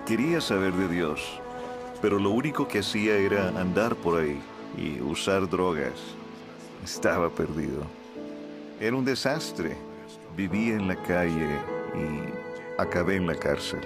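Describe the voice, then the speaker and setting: A man calmly telling his own life story as a voice-over for a video. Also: deep voice, unhurried. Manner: calm, reflective storytelling. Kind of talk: dubbed testimony voice-over. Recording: voice-over with violin music behind.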